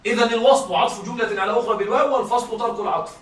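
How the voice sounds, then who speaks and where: A man's voice: extremely high pitch, rapid-fire, fairly bright tone, slight background noise. A man teaching a class on Arabic rhetoric in a lecture style, repeating points and checking that his students follow. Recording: echoey room, mic far off.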